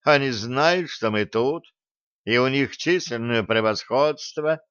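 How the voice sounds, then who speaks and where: A man's voice: medium pitch, fairly bright tone, clean tone, no room sound. A man doing a gloomy, reasoning soldier. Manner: gloomy, deliberate, overly polite. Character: sullen, reasoning male soldier. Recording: dry, slightly dull recording.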